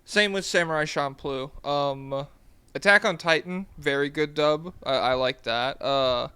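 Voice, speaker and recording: A man's voice: on the high side, a little slow, pushed and bright, smooth, no echo. A man co-hosting a podcast, chatting casually and animatedly, laughing and swearing now and then. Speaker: podcast co-host. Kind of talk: casual chat.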